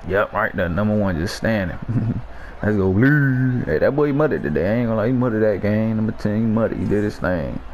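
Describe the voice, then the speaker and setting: A man's voice: fairly low pitch, a little mellow, slight background noise. A young man hosting a gaming channel, commentating his own football match with slangy, profane trash talk and repeated hype phrases. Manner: hyped trash talk, laughing, repeating himself. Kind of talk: live gameplay commentary.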